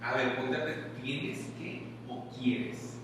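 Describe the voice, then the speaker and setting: Here the conference speaker, a man with a Mexican accent, talks slowly and steadily in a mid-range voice, giving a motivational lecture in a relaxed, conversational way while questioning the audience nonstop. Captured from a distance in a large, very echoey conference hall with faint noise.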